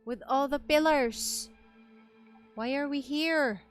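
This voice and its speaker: A woman reacting excitably to a game and reading along as she plays. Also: sits high, takes it slowly. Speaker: streamer playing a game. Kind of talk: live gameplay reaction and reading aloud. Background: game music.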